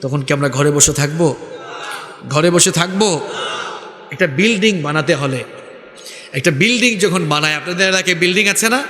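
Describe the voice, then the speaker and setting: A man with a Sylheti Bengali accent preaches with fire, throwing questions at his listeners and rising to shouts. His voice sits a little high for a man. It booms back from an echoey space with a long, lingering reverb. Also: lively intonation, normal speed, long pauses. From Sylhet, Bangladesh. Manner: rousing, calls out questions to the crowd, shouts at peaks. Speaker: Islamic preacher. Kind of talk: Bengali waz sermon.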